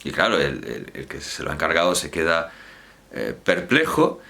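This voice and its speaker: A man's voice: a bass voice, very animated, moderate pace, vocal fry, sharp tone. A man with a Spanish accent giving a university lecture, digressive, with restarts and rhetorical questions.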